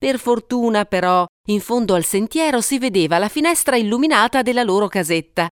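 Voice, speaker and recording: A woman narrating a fairy tale in an expressive, dramatic way, lingering on moments of suspense. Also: on the high side, fairly quick, clear, resonant tone, no echo, clean studio sound. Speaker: storyteller.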